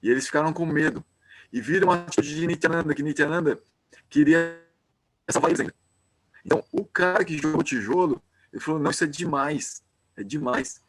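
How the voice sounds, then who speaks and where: A man's voice: a little high, fast. A man giving a devotional class, retelling a scripture story informally with frequent hesitant restarts.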